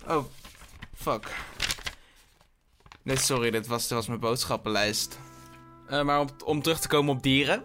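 A tired man hosting a comedic solo podcast, rambling with stammered restarts and frequent swearing, into a podcast microphone. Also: on the high side. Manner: rambling, self-interrupting, swears often. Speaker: podcast host.

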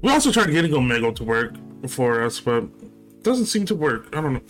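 A man's voice: mid-range voice, sing-song, fairly quick, faint music behind. A young man co-hosting a podcast in casual chat, rambling and hesitant, with frequent swearing. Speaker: podcast co-host.

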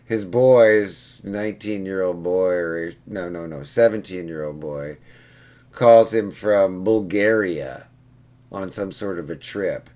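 Deep-voiced guy rambling on about a pinball repair job, casual vlog, keeps saying right?. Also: slow pace, a little mellow.

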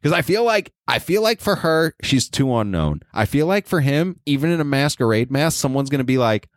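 A man's voice: mid-range voice, very animated, a little fast, no echo, studio quality. A man casually recapping a film on a podcast, rambling with lots of fillers and acting out lines. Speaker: podcast co-host. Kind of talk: casual movie discussion.

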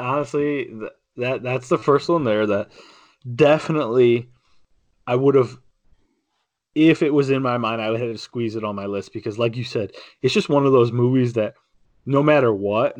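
A man's voice: mid-range voice, a little mellow, no echo. A man co-hosts a casual podcast in an easy, rambling way. He restarts his sentences often and leans on fillers. The sound is dry, with no room around it. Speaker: podcast co-host. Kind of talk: casual chat.

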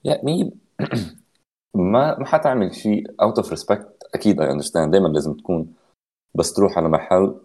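A man's voice: low-pitched, moderate pace, warm tone. A man with a Lebanese accent chats casually on a podcast, blending Arabic and English in the same sentence.

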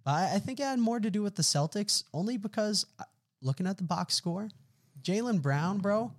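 A man's voice: high voice, animated, brisk. A young man co-hosting a casual sports podcast, laid-back, dropping "bro" and agreeing with "mm-hmm". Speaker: podcast co-host.

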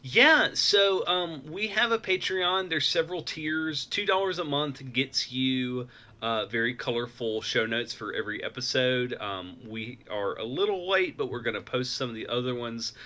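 A man's voice: mid-range voice, moderate pace, pushed and bright. A man co-hosting a podcast in casual chat, making dry asides between laughs. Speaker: podcast co-host.

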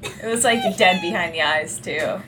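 A woman's voice: lowish voice, normal speed. A woman co-hosting a podcast in casual, slangy, joking conversation. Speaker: podcast co-host. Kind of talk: casual chat. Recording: clearly noisy room recording.

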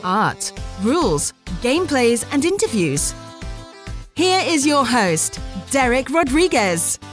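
A woman's voice: high-pitched, very animated, slow pace, a bit bright, soft background music. A woman giving a polished scripted intro for a podcast. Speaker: show intro announcer.

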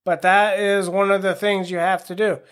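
Podcast host, male, high-pitched, chatty and self-deprecating solo monologue. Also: little pitch movement, moderate pace, fairly bright tone. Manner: rambling, self-deprecating, frank. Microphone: home podcast microphone.

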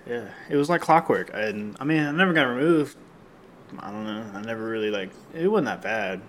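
A young man in casual chat, telling a long story with lots of fillers and restarts, and a slightly rough voice that he often clears. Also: medium pitch, very animated, brisk, fairly bright tone, slight background noise. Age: young adult. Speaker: podcast co-host.

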